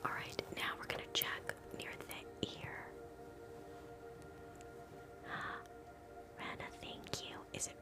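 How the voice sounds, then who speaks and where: A woman whispering softly through an ASMR scalp-exam role play, chatting gently with live viewers between slow steps. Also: over music. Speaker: ASMR livestream host.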